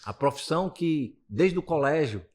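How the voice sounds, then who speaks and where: Speaking at a normal speed, this late-fifties man has a fairly high, expressive voice with a darkish tone and a Brazilian accent. He's a physiotherapist guest in an interview, chatting loosely and frequently starting over.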